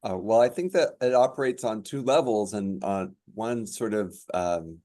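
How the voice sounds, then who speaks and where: A man who is a judge, speaking on a panel in a measured, halting way with many fillers. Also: on the low side, warm tone, no room sound. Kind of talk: panel discussion remarks.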